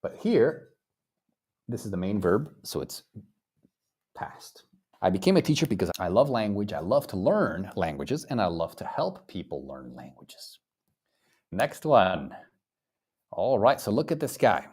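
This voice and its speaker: A man's voice: fairly low pitch, sing-song, measured pace, long pauses, a little mellow, husky. A man in his thirties teaching a live online English lesson. He keeps praising his students and drills phrases by repeating them. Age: 30s. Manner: encouraging, praises students often.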